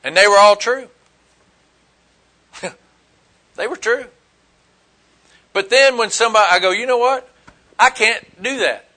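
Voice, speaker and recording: Man, preacher, high voice, bright tone, folksy sermon, emphatic. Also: measured pace, long pauses. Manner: folksy, emphatic preaching with rising outbursts and quiet asides.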